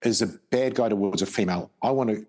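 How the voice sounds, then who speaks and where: A man's voice: fairly low pitch, quick pace, a little mellow, slightly rough. A middle-aged man with a broad New Zealand accent, explaining things bluntly and matter-of-factly in a casual interview. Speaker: guest, former special forces soldier and police officer.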